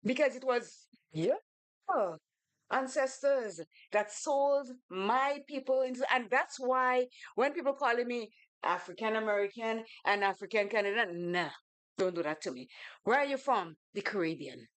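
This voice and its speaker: A Grenadian woman co-hosting a radio show, telling a story with lively acted-out quotes. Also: a little high, normal speed, clean tone, no room sound. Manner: animated storyteller, acts out quoted voices. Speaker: radio co-host. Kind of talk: casual radio talk with storytelling. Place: radio studio.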